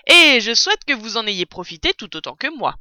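A woman's voice: fairly high pitch, sing-song, brisk, pushed and bright, dry recording, dull audio, full character voice. A woman voicing a bold, clever male fox who leads his family, in a cheery, rousing storybook manner.

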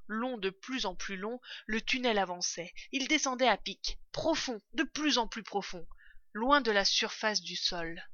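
Brief: woman narrator for a children's story, expressive, bright tone, dry slightly dull recording. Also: mid-range voice, unhurried, no echo. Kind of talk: audiobook reading of a children's story.

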